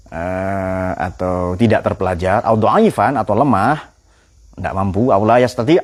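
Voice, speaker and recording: A man with a low, husky voice teaches a Quran study class. His pitch rises and falls widely as he quizzes his students and weaves in light anecdotes. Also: darkish tone.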